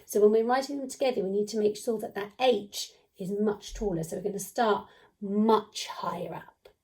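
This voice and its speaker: A woman teaching a children's phonics lesson from home, playful and animated, often whispering and stretching out letter sounds as she chats with a puppet. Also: mid-range voice, normal speed.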